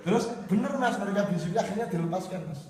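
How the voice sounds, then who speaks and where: A man's voice: sits high, fast talker. Laughing man in echoey hall. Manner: animated, laughing storyteller slipping into Javanese. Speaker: speaker at a religious gathering. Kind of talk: storytelling talk to an audience. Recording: echoey hall recorded from far off, noisy.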